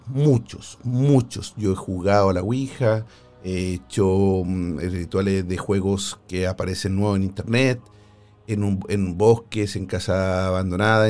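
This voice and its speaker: Chilean male host, lowish pitch, hesitant and filler-heavy live chat. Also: warm tone. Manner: hesitant, many fillers and restarts. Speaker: host of a live paranormal stream.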